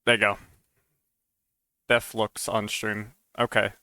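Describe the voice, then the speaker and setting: A man's voice: fairly low pitch, level tone, takes it slowly, sharp tone, no room sound. A man streaming live while he codes, rambling and stammering through casual chat and often saying "dude". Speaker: streamer and mod developer.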